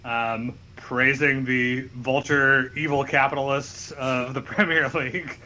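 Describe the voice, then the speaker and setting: A man's voice: medium pitch, fairly even intonation, unhurried, pushed and bright. A man chatting casually as a podcast panelist, opinionated and rambling, on a dull voice track. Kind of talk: casual football discussion.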